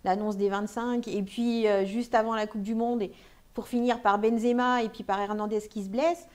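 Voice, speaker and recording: A woman's voice: on the high side, fairly even intonation, moderate pace, a little mellow. A woman speaking as a studio guest in a casual, filler-heavy way. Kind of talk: talk show discussion.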